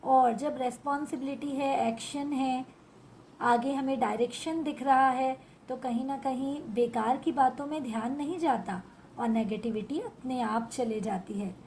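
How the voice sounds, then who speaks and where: A woman's voice: sits high, a little slow, darkish tone, a little hiss or hum. A woman leading a guided healing meditation, speaking in a soothing, heartfelt way and repeating affirmations. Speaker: session leader.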